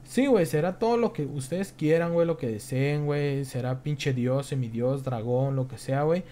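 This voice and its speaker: A man's voice: medium pitch, normal speed, dark tone. A young man with a Mexican accent gives casual, profane commentary on his gameplay. He tacks a slang filler onto nearly every phrase. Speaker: gameplay streamer.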